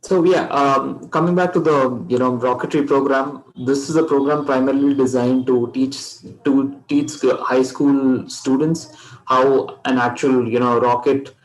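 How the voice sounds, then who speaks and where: A man with an Indian accent giving a company presentation, haltingly searching for his words. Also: medium pitch, low-quality recording. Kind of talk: slide presentation.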